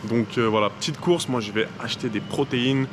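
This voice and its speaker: A vlogger from Lyon speaks to camera with a French accent, chatting casually and enthusiastically in slangy, informal style. His medium-pitched voice moves at a brisk pace over some background noise.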